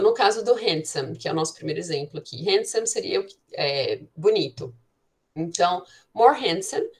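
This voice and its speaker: A woman teacher with a Brazilian Portuguese accent explaining English grammar in an online class, reading English examples slowly and often checking in with "né". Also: mid-range voice. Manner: switches between Portuguese and slow, carefully spoken English examples; frequent filler "né" checking with students.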